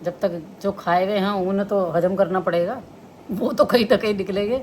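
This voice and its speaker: A woman's voice: medium pitch, fairly even intonation, normal speed, slight background noise. A middle-aged woman, chatting casually to her viewers and laughing often as she talks. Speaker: vlogger.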